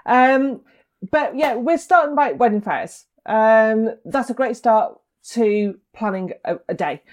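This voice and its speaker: A woman's voice: fairly high pitch, slow pace. A middle-aged woman, co-hosting a wedding podcast in casual chat with lots of ums. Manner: chatty, lively, lots of ums. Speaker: podcast co-host, wedding photographer.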